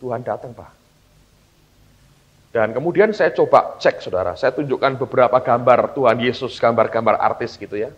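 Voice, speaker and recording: Pastor telling a story in a sermon. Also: male voice, medium pitch, brisk, hardly any pauses. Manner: addresses listeners as "saudara", acts out dialogue. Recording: dull lo-fi sermon recording.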